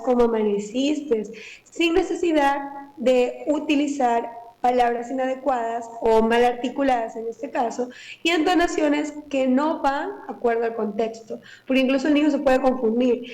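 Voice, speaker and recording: Terapeuta de lenguaje con voz aguda y cálida. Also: female voice, high-pitched, reverberant, rough recording. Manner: calm, explanatory, acts out examples to children. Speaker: speech therapist. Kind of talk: expert explaining on radio.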